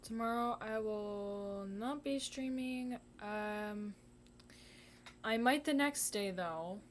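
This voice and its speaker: A woman streaming while she draws, chatting casually and murmuring soft asides to herself. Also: medium pitch, slow. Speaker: art streamer.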